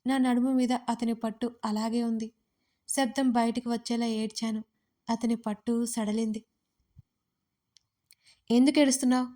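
Expressive woman narrating a romance audiobook. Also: a little high, normal speed. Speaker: storyteller.

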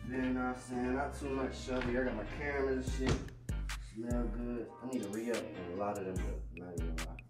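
Speaking fast in a medium-pitched voice with fairly even intonation, an American vlogger in his twenties shows viewers around a small, empty apartment in loose, slangy chat, repeating phrases for emphasis. He's far from the handheld camera a few steps off, so the sound is echoey and off-mic, with music playing.

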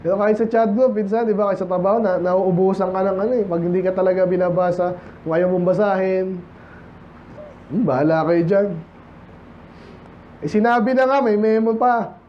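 Filipino pastor guy, high voice, chatty sermon in church, kinda dull muffled recording w faint hiss. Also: fairly even intonation. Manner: conversational preaching, mixing Tagalog and English, quoting scripture slowly.

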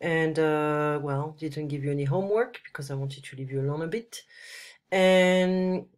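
At a normal pace, a woman with a deep, darkish voice congested by a cold tutors French in a one-on-one screencast, voicing over the recording through a computer mic. She explains patiently, going back and forth between French and English with many an "ok?"

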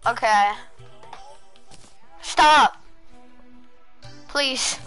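A young woman streaming a game and chatting with a friend in a dark room at home, bossy, teasing and exasperated, full of "dude" and "literally". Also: on the high side, drawn-out words, soft background music. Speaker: gaming streamer. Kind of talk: casual gameplay chat with a friend.

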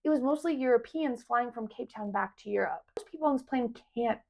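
A woman's voice: a little high, gravelly, a little mellow. A young woman co-hosting a travel vlog, blunt and opinionated in casual chat, recorded in a hotel room on a lapel mic. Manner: blunt, opinionated, quick retorts. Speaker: travel vlogger co-host.

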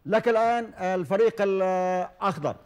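A man hosting a televised quiz show, formal and measured, with frequent hesitation fillers. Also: sits high, background noise. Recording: old television broadcast recording.

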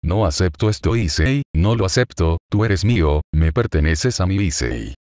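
A man's voice: sits low, animated, moderate pace, a little mellow, no echo, clean studio sound. Gabriel: a man reading an obsessive fallen angel woman. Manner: clingy and obsessive. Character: obsessive possessive female angel, a fallen seraph.

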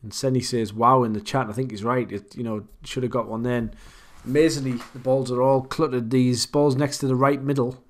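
A man's voice: medium pitch, flat delivery, a little fast, hardly any pauses. A man casually commentating an online pool match, thinking aloud about which shots he would play.

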